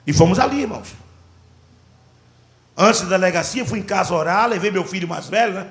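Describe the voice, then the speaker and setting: A man with a Brazilian Portuguese accent, a pastor preaching a sermon and telling a story with animated, dramatic delivery. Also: high voice, brisk, roomy sound.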